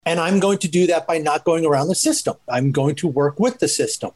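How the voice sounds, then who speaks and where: A man, a journalist, speaking thoughtfully on a panel discussion, often pausing with asides. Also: fairly high pitch, darkish tone, rough recording. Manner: reflective, hedging with asides. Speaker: journalist guest.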